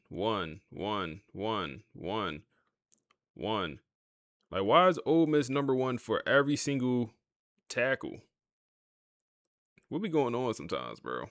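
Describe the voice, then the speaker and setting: This gaming livestream host speaks in a fairly low voice, relaxed and chatty as he plays and talks to his audience. The sound is clean and studio-like, with a dry recording.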